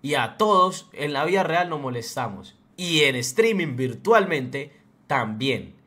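A young man from Colombia with a paisa accent, ranting on a livestream. He speaks in a slightly high voice, blunt and profane, and he gets fired up as he goes. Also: very animated, unhurried, fairly bright tone. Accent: Colombian Spanish, Antioquia. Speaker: streamer. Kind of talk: heated livestream rant.

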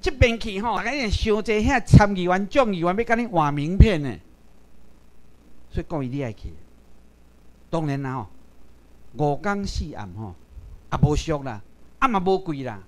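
A man from Taiwan lectures a class in a high voice. His pitch swings widely as he presses his points. He keeps turning to the audience with direct rhetorical questions. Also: expressive, normal speed, pauses often.

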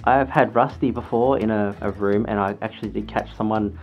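A man's voice: fairly low pitch, steady tone, brisk. A man giving chatty, earnest advice in a casual vlog while talking through a fursuit head. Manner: chatty, earnest, lecturing with restarts. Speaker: fursuit vlogger. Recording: dull lo-fi sound with faint music.

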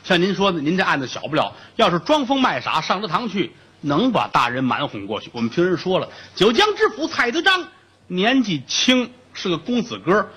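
A man's voice: high-pitched, very animated, a little fast, bright, forceful tone, husky, full character voice. A man doing a brash, jokey prison inmate. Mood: boastful. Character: boastful streetwise male prison inmate.

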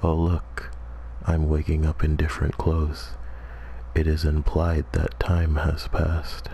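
Guy doing hushed golf commentator bit over a game, super low and gravelly, dry jokes and swearing. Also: slow, slight background noise. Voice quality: very deep, gravelly. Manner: deadpan, joking, profane. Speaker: gamer commentating over play. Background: game music.

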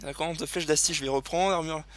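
A man hosting a casual let's play, excitable and chatty as he thinks aloud. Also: fairly high pitch, fast talker, dry recording. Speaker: gaming video host. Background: video game sounds.

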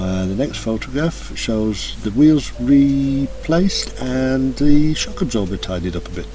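A man narrating a slideshow of his motorbike restoration in a relaxed, hesitant way, with frequent ums and uhs. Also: lowish voice, background noise. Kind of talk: casual voice-over commentary. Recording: voice-over with music playing behind.

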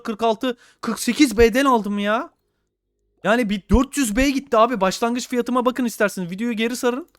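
A young man commenting on his own gameplay, pleading with the game and swinging between low muttering and loud shouts. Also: no room sound, studio quality. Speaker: gaming YouTuber.

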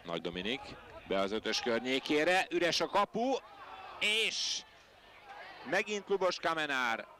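A man giving live football match commentary in an excitable manner. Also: on the high side, pauses often, some chatter behind. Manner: excitable, voice leaps on big moments. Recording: noisy outdoor match broadcast.

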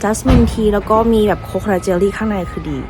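Chatty young woman vlogging over loud traffic. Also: medium pitch, normal speed. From Thailand. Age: young adult. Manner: chatty, with English words mixed into her talk. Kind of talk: casual vlog narration. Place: outdoors and indoors around a city, college campus. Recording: loud traffic and street noise.

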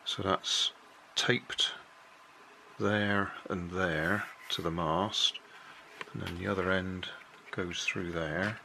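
A man's voice: deep voice, fairly even intonation, slow pace, vocal fry, pushed and bright, a little hiss or hum. An older man casually walking through a hobby build at a kitchen table, explaining each step plainly and unhurriedly, correcting himself as he goes.

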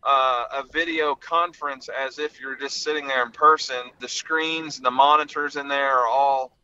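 Bright-voiced man on a muffled call-in line. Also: mid-range voice, fairly even intonation, moderate pace. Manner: folksy, rambling storyteller. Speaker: podcast host and law firm managing partner. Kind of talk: casual podcast chat. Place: calling in from the road.

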